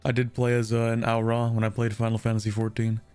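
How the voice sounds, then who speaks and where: A man's voice: medium pitch, monotone, quick pace, darkish tone, clean tone. Casual man gaming over faint music. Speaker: gamer, co-op partner on stream.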